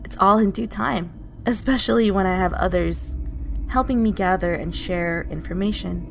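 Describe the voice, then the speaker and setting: A woman's voice: medium pitch, moderate pace, creaky, a little hiss or hum, lightly acted. A woman playing a sweet, eerily obsessive yandere who delivers a theatrical, menacing call-out monologue. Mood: sweetly threatening.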